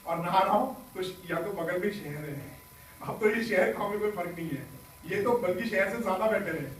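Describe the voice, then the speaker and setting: Hoarse high-voiced man teaching a class. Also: moderate pace, recorded from a distance, slight background noise. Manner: quizzes pupils with call-and-response questions. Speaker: workshop trainer. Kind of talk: classroom talk to students. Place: large echoing school classroom. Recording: echoey classroom taped from afar, student chatter. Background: students murmuring.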